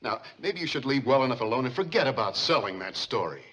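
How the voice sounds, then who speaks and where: A man's voice: medium pitch, sing-song, quick pace, bright, forceful tone. A man playing a sensible, cautioning college professor in a sitcom. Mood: reasoning, cautioning. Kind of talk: sitcom acting.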